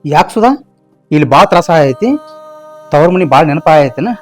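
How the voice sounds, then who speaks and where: A man's voice: on the high side, animated, normal speed, faint music behind, natural voice. A man playing a caring young village husband with a North Karnataka accent, questioning his wife. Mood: concerned questioning. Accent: North Karnataka Kannada. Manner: questioning, concerned. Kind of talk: village comedy-drama acting.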